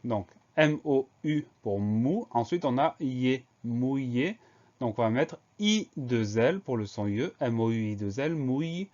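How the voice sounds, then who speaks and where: Man, teacher, spelling lesson, methodical letter-by-letter dictation, mid pitch, dull lo-fi sound. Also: expressive, darkish tone. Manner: slow, clear, methodical dictation.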